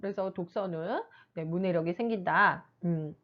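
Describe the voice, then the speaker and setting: A middle-aged woman teacher giving parents casual advice, animated and acting out kids and mothers in quick asides. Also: lowish voice, dull audio. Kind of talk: casual explanatory talk to parents.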